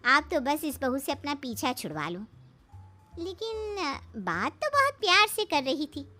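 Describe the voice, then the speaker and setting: Slow, drawn-out cartoon aunt, voiced by a woman. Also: high-pitched, huge pitch swings, sharp tone, faint music behind, pitched above the performer's own voice, full character voice. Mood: doubtful.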